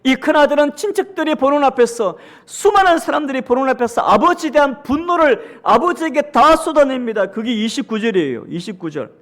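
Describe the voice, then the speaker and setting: A male pastor with a Gyeongsang accent giving a sermon. He talks straight to the congregation, reads scripture aloud with them, and swings between loud, emphatic lines and hushed asides. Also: extremely high pitch, animated, brisk, few pauses. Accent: Gyeongsang Korean.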